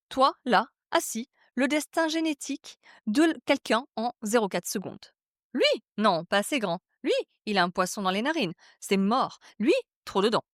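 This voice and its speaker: A woman hosting a podcast in a comic monologue, mocking and animated, swinging between loud punchlines and soft asides. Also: mid-range voice, no room sound, studio quality. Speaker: podcast host.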